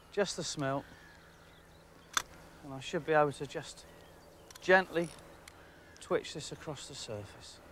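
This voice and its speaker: A middle-aged man giving outdoor fishing commentary from a lakeside jetty, excitable, laughing often and talking to the fish. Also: mid-range voice, a little hiss or hum. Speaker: angling presenter.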